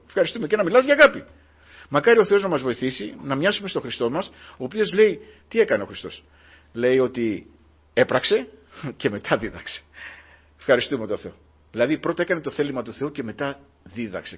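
Fervent preacher man, husky and high. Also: lo-fi sound. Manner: fervent, often repeating a thanks-to-God refrain. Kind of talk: sermon.

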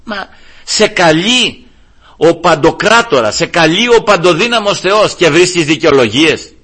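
A male preacher delivering a sermon, emphatic and repeatedly addressing his listeners as brothers, with a husky voice. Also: on the high side, expressive, fairly bright tone.

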